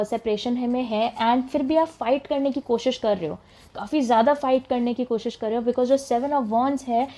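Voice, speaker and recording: A young woman reads tarot cards in a chatty, casual way, slipping English words in as she goes. Her voice sits a little high but sounds mellow and soft-edged. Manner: chatty, mixes English words into Hindi, laughs as she talks. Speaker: tarot reader. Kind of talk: casual tarot reading for viewers.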